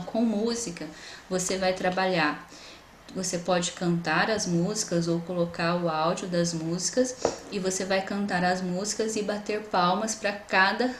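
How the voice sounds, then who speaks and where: A woman's voice: mid-range voice, echoey room, slight background noise. A woman teaching an online class, explaining step by step in a patient way and often repeating words as she goes. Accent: Brazilian Portuguese. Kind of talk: recorded online lecture.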